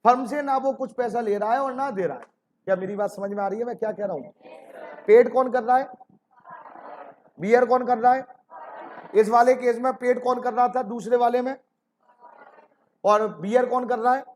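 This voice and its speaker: A man's voice: extremely high pitch, steady tone, moderate pace, long pauses, darkish tone, slight background noise. A man teaching an accounting lesson, fondly calling students "beta ji" and asking rhetorical questions.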